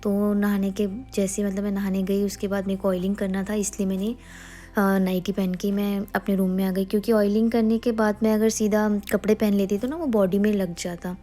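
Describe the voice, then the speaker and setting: Young woman, vlogger voice-over, chatty with many fillers, flat and mellow tone, faint music behind. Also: medium pitch, fairly quick. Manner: chatty, with frequent fillers and self-corrections. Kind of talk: casual voice-over narration of a daily routine.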